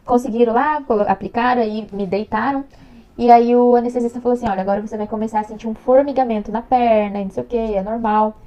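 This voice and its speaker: Young Brazilian woman, quick and mellow, chatty emotional vlog storytelling, muffled lo-fi sound. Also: a little high, steady tone. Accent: Brazilian Portuguese. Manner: chatty, emotional, acts out dialogue. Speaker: vlogger telling her birth story. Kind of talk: casual storytelling to camera.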